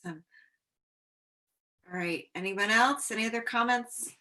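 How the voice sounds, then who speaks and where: Woman chairing a board meeting, brisk, upbeat, bright tone, heard over a video call. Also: a little high.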